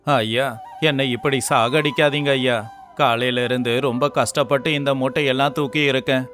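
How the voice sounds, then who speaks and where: A man voicing a poor, weary and honest young laborer in an animated story, with a pleading, earnest way of talking. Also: mid-range voice, moderate pace, faint music behind, natural voice. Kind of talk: storybook voice acting.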